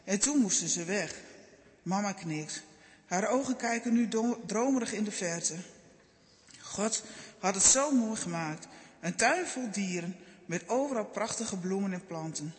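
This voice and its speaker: A man narrating a children's Bible story in a gentle, measured storytelling manner. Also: high voice, lively intonation, long reverb tail.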